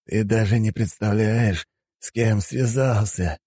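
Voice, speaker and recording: A man's voice: lowish voice, slow pace, warm tone, no echo, pitched above the performer's own voice. A man voicing a cowardly male mage who shrieks and begs for mercy in an audiobook. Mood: hissing. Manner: wailing, pleading shrieks. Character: panicked male mage, begging and snarling.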